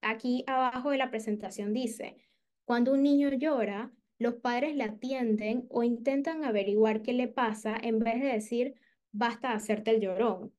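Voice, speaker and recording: A woman's voice: a little high, steady tone, normal speed, darkish tone. A woman psychologist giving a clinical lecture, explaining step by step and voicing patients' thoughts in first person, with frequent "eh" fillers. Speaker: clinical psychologist teaching a session.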